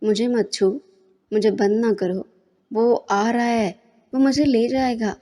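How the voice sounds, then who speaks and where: A woman's voice: on the high side, fairly even intonation, slow pace, dark tone, big-room sound. A woman reading a frantic young man in panic. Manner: frantic, repeated cries.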